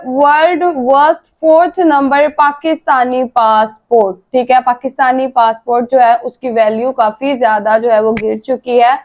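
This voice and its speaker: A woman from Pakistan hosting a reaction video, chatting casually and mixing in English phrases. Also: high voice. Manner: chatty, mixes English phrases, frequent fillers.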